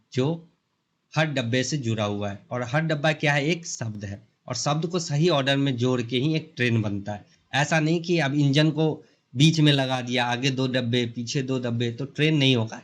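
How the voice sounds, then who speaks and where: A young man with an Indian accent teaching basic English grammar in a relaxed mix of Hindi and English. He explains with simple everyday comparisons and keeps checking in with the learner. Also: mid-range voice. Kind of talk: casual Hindi-English lesson.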